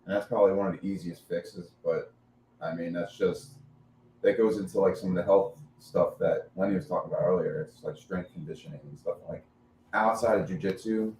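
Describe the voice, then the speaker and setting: A man's voice: deep voice, fairly even intonation, fairly quick, a little mellow. A man answering listener questions about jiu-jitsu on a podcast, laid-back and hesitant with many fillers. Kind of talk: casual podcast chat. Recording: echoey room with faint noise.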